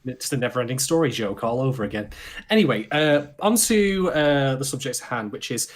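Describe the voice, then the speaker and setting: A man's voice: medium pitch, lively intonation, a little fast. Sarcastic british guy cohosting a podcast, swears a lot, ordinary middle voice. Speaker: podcast co-host. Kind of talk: casual podcast chat.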